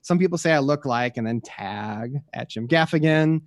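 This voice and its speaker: A man at a middling pitch, a podcast guest chatting in an easygoing way. He tells funny anecdotes and chuckles along as he goes. The sound is dry and close. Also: expressive, moderate pace, dry recording. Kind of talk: casual chat.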